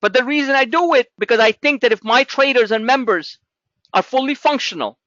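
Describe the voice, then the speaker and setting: A middle-aged man hosting a trading webinar, talking in an animated, pushy salesman patter as he walks through charts. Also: very high voice, a little fast, dry recording, lo-fi sound. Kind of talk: live trading webinar talk.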